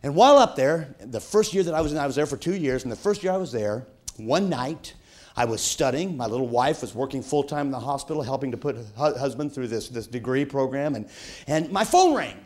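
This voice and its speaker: A middle-aged man preaching a sermon, telling a personal story with folksy, dramatic swings from shouts to hushed tones. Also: mid-range voice, lively intonation, fairly quick.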